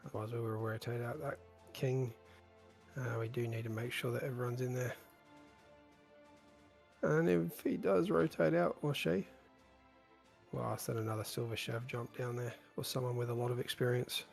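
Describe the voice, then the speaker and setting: Guy with a sick-sounding croaky gravelly voice, casual stream co-host chat, music in the back. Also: medium pitch, steady tone, normal speed, pauses often, darkish tone. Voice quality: croaky, raspy. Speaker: stream co-host, lobby organizer. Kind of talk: casual game livestream chat. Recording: music behind the voice.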